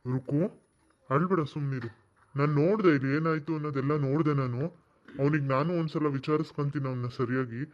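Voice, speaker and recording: A kindly village man, played by a man, who reassures in a steady, slightly raised voice. The sound is dull and lo-fi. Cartoon voice acting. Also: a little high, fast talker, close to an everyday voice. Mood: soothing. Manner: soothing, reassuring.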